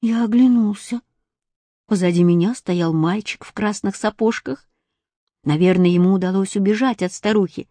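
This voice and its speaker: A woman calmly reading a first-person children's story aloud. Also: mid-range voice, dry recording. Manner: calm, unhurried first-person telling. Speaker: audiobook reader. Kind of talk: storybook narration.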